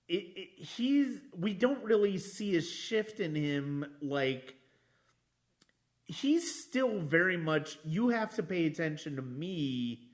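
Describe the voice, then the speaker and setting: This high-voiced man hosts a podcast and chats informally about movies. His speech stumbles along, and he keeps looping back to put things another way.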